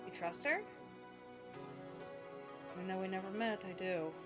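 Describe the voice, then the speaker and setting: A woman's voice: mid-range voice, fairly even intonation, measured pace. A woman game streamer reading narration and dialogue from a story game aloud. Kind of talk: reading visual novel text aloud as a story. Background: background music.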